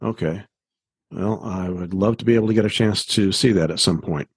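A man's voice: deep voice, fairly quick, breathy edge, no room sound, clean studio sound. A man hosting a casual podcast discussion, prompting his guest and summarizing. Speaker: podcast host.

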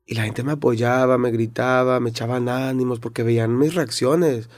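A man's voice: mid-range voice, moderate pace, no echo. A young Mexican man, a rapper guest, animatedly retelling a bad night and acting out what people said. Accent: Mexican Spanish. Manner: animated retelling with acted-out quotes. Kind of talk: casual storytelling interview.

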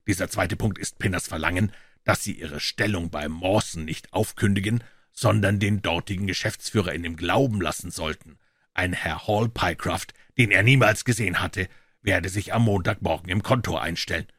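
A man voicing a confident, impatient male detective explaining his reasoning briskly. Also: sits low, a bit bright, breathy edge, dry recording, studio quality.

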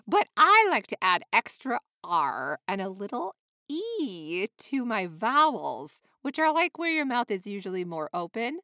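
A woman's voice: fairly high pitch, pushed and bright, dry recording, clean studio sound. A woman leading a cheerful children's lesson, playfully demonstrating movements and counting aloud. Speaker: children's movement and music teacher.

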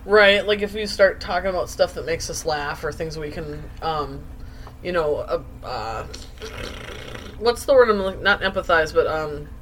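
A woman's voice: low-pitched, lively intonation, normal speed, fairly bright tone. A woman co-hosting a podcast in casual, chatty conversation. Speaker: podcast co-host and bartender. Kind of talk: casual chat. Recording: clear background noise.

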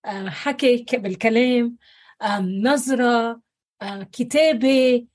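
A woman psychologist with a Levantine Arabic accent answering interview questions thoughtfully, pausing on fillers and slipping in English words. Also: fairly high pitch, a little mellow. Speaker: psychologist guest.

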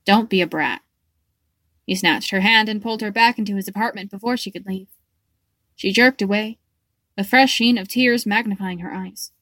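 A woman's voice: medium pitch, steady tone, moderate pace, a bit bright, no room sound, studio quality. Woman narrating a fan fiction audiobook.

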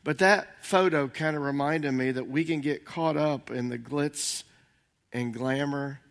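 Speaking at a medium pitch, this elderly senior minister preaches in a chatty, rambling way. His voice is a little hoarse, and he stumbles along with frequent fillers.

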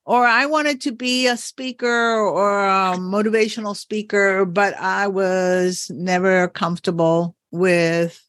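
A woman's voice: mid-range voice, fairly even intonation, slow, few pauses, fairly bright tone, no room sound, clean studio sound. A woman hosting a podcast as a coach, talking thoughtfully and encouragingly with frequent laughs. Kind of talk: reflective podcast conversation.

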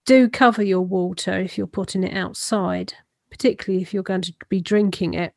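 A woman giving step-by-step explanatory instruction in a calm, matter-of-fact way. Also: mid-range voice, brisk, creaky, no room sound, clean studio sound. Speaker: speaker explaining a ritual practice.

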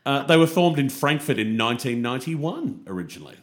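Lively male music podcast co-host. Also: mid-range voice, brisk. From Australia. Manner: enthusiastic, reels off chart positions. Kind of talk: casual chat about 80s and 90s music.

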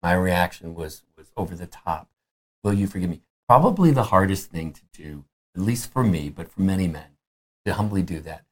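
A man's voice: deep voice, animated, normal speed. A man, giving an earnest, conversational conference talk on faith and family.

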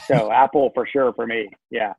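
A man's voice: mid-range voice, steady tone, normal speed, vocal fry, darkish tone, breathy edge, dry recording. A man with a Southern US Georgia accent, a pastor chatting casually and joking as a podcast guest over a video call. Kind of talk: casual chat. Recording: dry tinny call-quality line.

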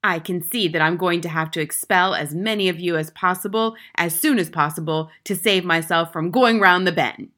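A woman's voice: on the low side, normal speed, few pauses, sharp tone. A woman reading a storybook, voicing a gigantic tyrannical headmistress who barks contemptuous insults. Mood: disgusted contempt. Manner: barking, bellowing insults.

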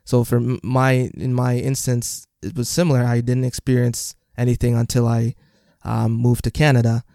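A man from Jamaica speaks in a calm, level voice with little rise and fall. His tone is mellow. The recording is dry and close. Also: medium pitch, moderate pace, gravelly, no echo. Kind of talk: panel discussion.

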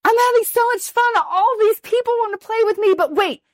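A woman's voice: very high-pitched, a little fast, no room sound, studio quality, pitched above the performer's own voice. A woman voicing a giddy, possessive inner child who squeals about fun and then clings to her toy.

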